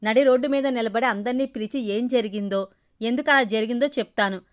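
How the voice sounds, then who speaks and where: A woman's voice: fairly high pitch, brisk, smooth, lightly acted. A woman voicing an angry, defiant young woman student who answers with fierce indignation. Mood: furious.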